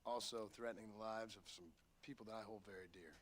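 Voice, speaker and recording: A man voicing a reserved, polite gunslinger in a video game, calm and courteous but evasive about his past. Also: on the low side, quick pace, close to an everyday voice. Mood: guarded.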